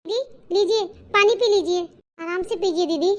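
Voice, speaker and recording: A voice actor playing a polite, caring young daughter-in-law who speaks softly in a comedy cartoon. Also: very high voice, moderate pace. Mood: gentle. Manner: soft and polite.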